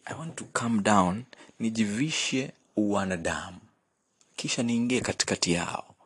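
A man's voice: on the low side, normal speed, fairly bright tone, slight background noise, pitched above the performer's own voice, lightly acted. A man voicing God as a playful, patient divine figure in a sermon, mixing Swahili and English. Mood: earnest. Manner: mixes East African Swahili and English, exclaiming. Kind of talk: sermon storytelling.

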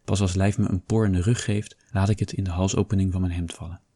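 A man reading a first-person novel aloud in a calm, steady storytelling manner. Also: low-pitched, fast, no room sound, studio quality. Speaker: audiobook reader.

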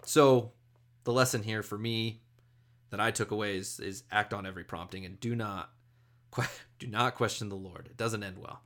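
Casual low-voiced man talking scripture. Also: fairly even intonation, moderate pace, fairly bright tone. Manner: conversational, self-deprecating, with asides and restarts. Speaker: scripture study presenter. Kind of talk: casual devotional talk.

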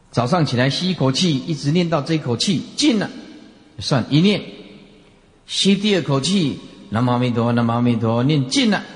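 A man, a Buddhist monk, giving a dharma lecture, stretching and chanting phrases slowly, then dropping into joking asides. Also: medium pitch. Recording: long hall reverb.

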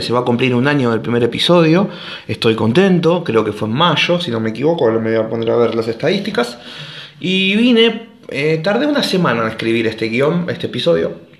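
A man with an Argentine Rioplatense Spanish accent hosts a casual monologue podcast, his medium-pitched voice sing-song and brisk in a reverberant space. He rambles along, dropping sarcastic joking asides.

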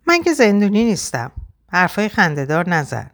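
A woman's voice: fairly low pitch, wildly swooping pitch. A woman reading the part of a young married woman torn between her husband and a lover, voiced with pleading emotion. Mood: defensive.

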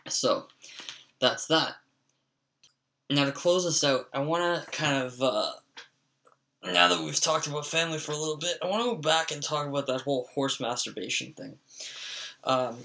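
A young man rambles through casual, profane stories, hanging every thought on filler words. His voice is bright and a little edgy, with a gravelly fry running through it. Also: fairly high pitch, moderate pace, pauses often. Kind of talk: casual storytelling monologue.

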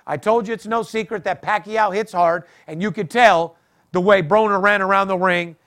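A man's voice: high-pitched, moderate pace, fairly bright tone. A man hosting a sports betting podcast, talking in a boastful, profane, hard-selling way. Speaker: podcast host.

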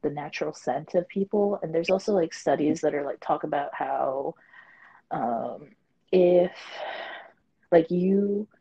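Young woman podcast co-host, low husky voice, loose filler-heavy chat. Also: measured pace, dark tone, lo-fi sound. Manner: rambling, filler-heavy, frequent laughter. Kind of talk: casual chat.

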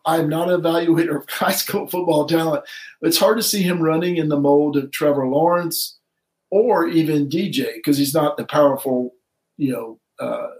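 A man's voice: on the high side, roomy sound, rough recording. A middle-aged man co-hosting a casual sports podcast, rambling and correcting himself as he goes. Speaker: podcast co-host.

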